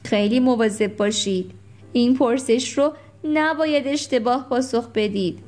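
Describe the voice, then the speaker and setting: Gentle woman reading a children's story. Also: fairly high pitch.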